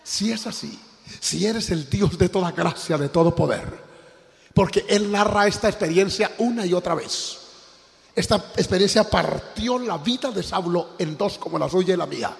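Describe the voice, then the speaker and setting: An older man, preaching a sermon as pastor, swinging from loud exclamations to low, emphatic tones. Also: moderate pace, vocal fry. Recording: long reverb in a large hall.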